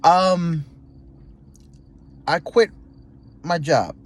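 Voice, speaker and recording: Higher-voiced young man with a lisp. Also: animated, drawn-out words. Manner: slangy, emphatic, repeats phrases for effect. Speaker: YouTube vlogger. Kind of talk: casual confessional vlog talk.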